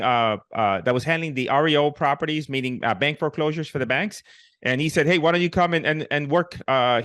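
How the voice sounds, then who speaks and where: A middle-aged man with a Puerto Rican accent speaks as an interview guest, his voice sitting a little high for a man. He tells his story casually, joking along the way and stumbling through fillers and restarts. The sound is dry and close, with almost no room behind it. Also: fairly bright tone, no echo. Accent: Puerto Rican Spanish. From Puerto Rico. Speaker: guest, real estate investor.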